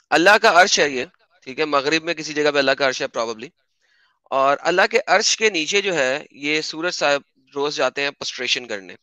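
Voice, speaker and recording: A man's voice: a little high, expressive, normal speed, bright, forceful tone, no echo. A man hosting an online debate, pressing his points and mocking the other side's arguments. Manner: mocking, theatrical when reading quotes. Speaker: debate host. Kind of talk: online debate with screen share.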